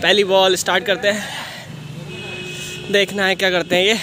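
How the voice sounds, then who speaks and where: A young man filming on his phone at an outdoor turf cricket net, giving excited, shouting commentary on a friendly match. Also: sits high, normal speed, noisy background. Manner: loud, excitable, shouting calls. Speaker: vlogger and player-commentator. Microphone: handheld phone camera.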